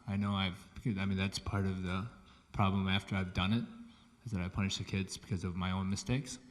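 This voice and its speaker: A very low-voiced man who teaches school answers from the audience, pausing and searching for each word. A long hall reverb trails behind his voice. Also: little pitch movement. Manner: hesitant, searching for words. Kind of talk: question-and-answer exchange.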